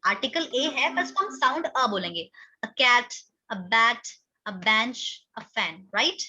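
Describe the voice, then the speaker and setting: A woman's voice: a little high, big pitch swings, slow pace, sharp tone, husky. A woman teaching an English grammar lesson, questioning her students and repeating their answers.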